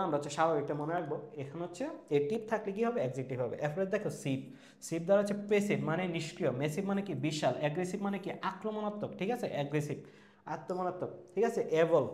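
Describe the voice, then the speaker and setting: A man's voice: on the high side, darkish tone, echoey room. A man teaching an online English class, asking rhetorical questions and checking in with "ঠিক আছে?" after nearly every point. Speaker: English tutor for admission-test students. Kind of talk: online lecture.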